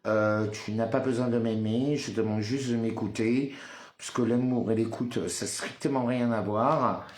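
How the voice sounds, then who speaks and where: A man's voice: medium pitch, fairly even intonation, moderate pace, echoey room. A man doing a live social media monologue who chants a repeated apology mantra, turns blunt and confrontational toward viewers, and hesitates with many fillers. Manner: hesitant with frequent "euh" fillers. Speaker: live streamer.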